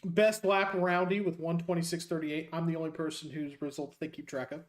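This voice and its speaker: A man streaming a racing game and joking his way through casual, rambling commentary as a high school teacher. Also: flat delivery, brisk, roomy sound. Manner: jokey, rambling, self-mocking.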